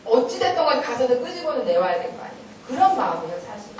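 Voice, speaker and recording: A middle-aged woman giving a lively talk at a church parenting meeting, telling stories and acting out stern scolding. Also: sits high, racing, a little hiss or hum. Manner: animated storytelling, acting out stern scolding, often laughing. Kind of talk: lecture-style talk with acted quotes. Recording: echoey hall, voice from far off.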